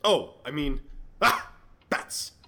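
A man's voice: on the high side, sing-song, slow, bright, forceful tone, exaggerated voice. A man playing the pompous Midnight Sleuth. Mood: smug. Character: cowardly, pompous, scatterbrained male sleuth. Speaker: bumbling detective in a radio-drama parody. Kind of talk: 1940s radio acting.

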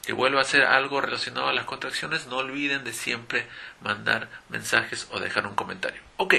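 A man teaching English pronunciation, repeating each word slowly for learners. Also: medium pitch, fairly even intonation, vocal fry, bright, forceful tone. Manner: slow, repeats English words for practice. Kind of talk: pronunciation lesson.

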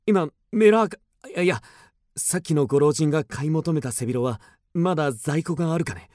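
A man's voice: on the high side, moderate pace, a little mellow, no echo, clean studio sound, close to an everyday voice. An actor playing an agitated, obsessed man recounting an eerie mystery in dramatic radio drama narration, with theatrical swings. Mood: agitated, urgent. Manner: suspenseful, theatrical, with sudden swings.

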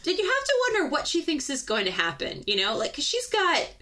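Bright, lively young woman gushing. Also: high-pitched, fairly quick. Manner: gushing, giggly, many "like" fillers. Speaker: podcast co-host. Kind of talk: casual chat.

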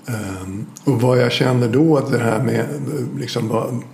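A man with a deep, gravelly, mellow voice talks reflectively and hesitantly, often restarting his sentences. He is recorded in an echoey room with faint ambience behind him. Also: a little hiss or hum. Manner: thoughtful, hesitant with repeated restarts. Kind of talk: reflective conversation.

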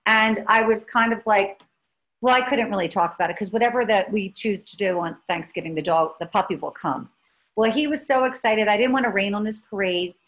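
A woman's voice: medium pitch, fairly quick, a bit bright, poor audio. A woman in her fifties co-hosting a casual chat, telling stories in a rambling way with many restarts. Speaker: podcast co-host.

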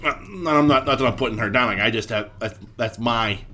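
Speaking a little fast in a medium-pitched, bright, forceful voice, a podcast co-host rambles through casual chat. A cold has left him congested, and he swears freely while padding his talk with "like."

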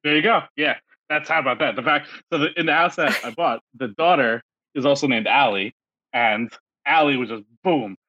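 Here a man with a mid-range voice co-hosts a casual podcast at a moderate pace, rambling animatedly and leaning on many fillers. There's no echo, but the highs are cut off.

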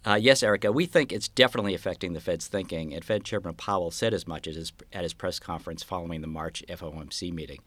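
Low-voiced man giving market commentary. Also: quick pace, few pauses, a bit bright. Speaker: investment strategist guest. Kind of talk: market outlook commentary in an interview.

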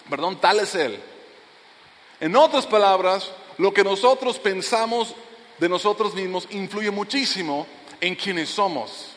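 A middle-aged man preaching a sermon as pastor. His delivery is earnest and drops to soft, low lines for emphasis. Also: animated, slow, long pauses. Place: church sanctuary. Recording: long hall reverb in a church.

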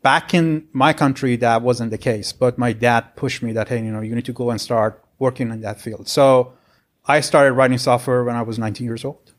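A software architect in his forties, originally from Iran, tells his career story as a guest on a podcast in a casual interview chat, earnest and rambling. His mid-range voice has fairly even intonation and a moderate pace.

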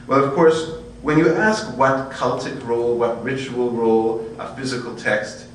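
A man's voice: medium pitch, measured pace. A man giving an informal academic lecture in an erudite, discursive way, often checking in with his listeners. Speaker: lecturer in Buddhist studies. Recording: very echoey, distant microphone, faint hum and noise.

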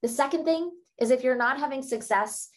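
Here a woman author, her voice sitting high, gives cheerful advice during an interview. Her delivery is chatty and quick, broken into brief points, with frequent laughter woven through her explanations.

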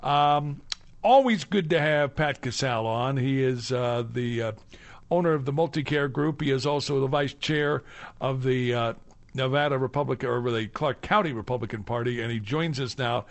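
A man's voice: mid-range voice, normal speed. An American man hosting live local talk radio, reading sponsor spots and chatting with guests.

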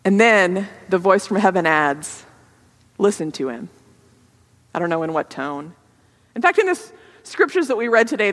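Woman pastor preaching slow and thoughtful, lots of church reverb around her. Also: mid-range voice. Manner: reflective, conversational preaching. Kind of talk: sermon.

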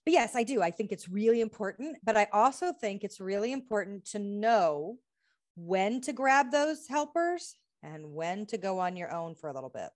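A woman's voice: medium pitch, sing-song, a little mellow. Earnest american-raised woman healer on an interview, rattles off lists, laughs a lot. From United States. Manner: earnest, lists questions in rapid runs, laughs often. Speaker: guest, healing practitioner and author. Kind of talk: conversational interview.

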